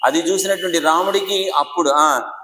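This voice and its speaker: Male preacher, devotional sermon, asks listeners questions, slightly high voice, recorded in a reverberant temple hall. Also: fairly quick, a bit bright, a little hiss or hum. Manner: storytelling, asks the audience questions. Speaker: religious discourse speaker.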